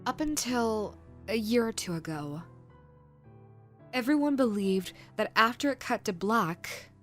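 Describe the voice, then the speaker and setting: A woman reading a scripted creepypasta horror narration in a measured way, with dramatic pauses. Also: a little high, lively intonation, fairly bright tone. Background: background music.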